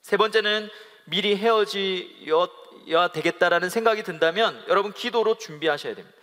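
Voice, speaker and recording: A pastor delivering a humorous sermon to a live congregation, acting out little quoted exchanges between couples and leading the people in call-and-response. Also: male voice, high-pitched, moderate pace, bright, forceful tone. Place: church worship hall. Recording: live in a reverberant worship hall.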